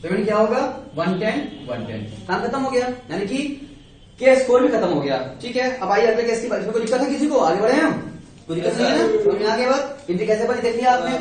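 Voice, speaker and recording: High-voiced man teaching in an echoey room. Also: very animated, quick pace, recorded from a distance. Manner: repeats key terms, quizzes students, reassuring. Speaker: commerce teacher. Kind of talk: classroom lecture. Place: classroom.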